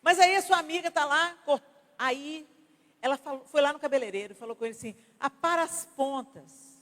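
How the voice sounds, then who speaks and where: A Brazilian woman pastor in her fifties, preaching at a women's conference in an animated, conversational way with acted-out examples. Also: high voice, brisk. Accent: Brazilian Portuguese. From Brazil (Belo Horizonte). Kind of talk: conference sermon. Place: large church conference hall. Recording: reverberant church hall.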